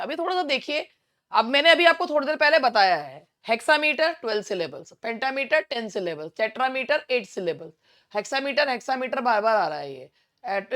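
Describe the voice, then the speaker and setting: A woman with an Indian accent teaching an exam-prep English lesson, going through questions and answers and reading each question out slowly. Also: fairly high pitch, a bit bright.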